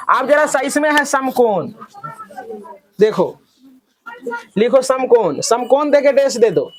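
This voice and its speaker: A middle-aged man teaches math to a room full of children. His voice sits high and carries, and he keeps asking questions so the class answers back in chorus. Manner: loud call-and-response questioning of pupils. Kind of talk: classroom lecture.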